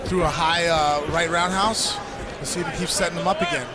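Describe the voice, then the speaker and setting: A man's voice: on the high side, fairly even intonation, a little fast. A man giving conversational, technical color commentary on a live fight. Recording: loud crowd and music behind.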